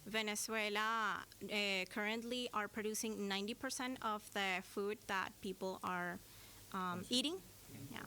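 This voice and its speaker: A woman speaking as an interpreter, giving a live spoken translation into English in a halting way with fillers. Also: medium pitch, fairly even intonation, sharp tone, slight background noise.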